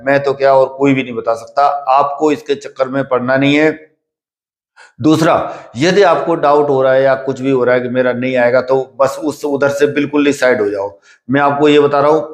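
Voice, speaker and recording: A coach at a physical training academy for police and army recruitment gives exam candidates informal, instructive advice with a paternal touch. His mid-range voice is repetitive and halting, full of filler phrases and check-questions. The room is echoey.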